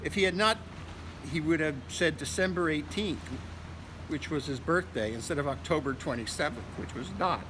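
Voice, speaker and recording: This is a man reading a novel aloud as a volunteer, in the manner of an audiobook. His voice is fairly high and his pace moderate, with occasional stumbles over words. Traffic and outdoor noise can be heard throughout.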